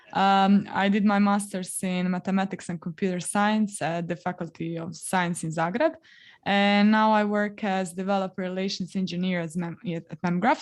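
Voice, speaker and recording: A young woman from Croatia presenting at a tech meetup, explaining graph concepts plainly with frequent "uh, so" fillers. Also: lowish voice. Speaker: developer relations engineer, speaker. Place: meetup venue.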